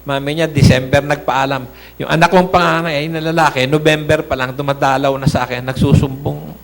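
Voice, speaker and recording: A man's voice: a little high, level tone, a little fast, creaky. A middle-aged man from the Philippines giving an earnest church testimony, addressing the congregation as brothers and sisters.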